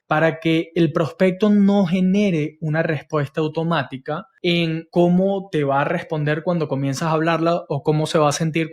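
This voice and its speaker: A man's voice: on the high side, a little mellow. A man teaching insurance sales, explaining step by step and often checking in with "¿ok?". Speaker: sales trainer. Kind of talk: instructional talk with acted call examples.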